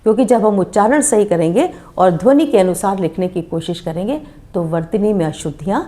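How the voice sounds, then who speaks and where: Woman, language teacher, lesson, asks then answers herself, slows to sound out words. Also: mid-range voice, mellow. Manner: asks and answers her own questions; slows down to spell out words syllable by syllable. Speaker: Hindi grammar teacher. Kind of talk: spoken lesson.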